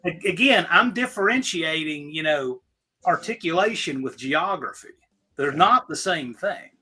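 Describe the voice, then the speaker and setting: An opinionated man holds forth in a casual group chat. His voice is husky yet bright, and it rises and falls freely as he presses his point. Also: a little high, lively intonation, unhurried. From American South.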